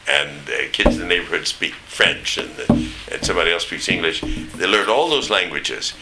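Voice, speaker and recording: Deep-voiced older man, standard American accent. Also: expressive, normal speed, over music, low-quality recording. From East Tennessee, United States. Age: older, 70s or above. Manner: rambling, anecdotal, searching for names. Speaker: interviewee recounting memories. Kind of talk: oral history reminiscence.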